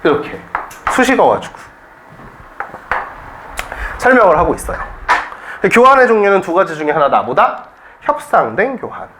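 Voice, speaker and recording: Lively, quizzing male cram-school teacher. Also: high voice, normal speed, long pauses, a little hiss or hum. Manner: lively, joking and rhetorical, quizzing students constantly. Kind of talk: classroom lecture. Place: classroom.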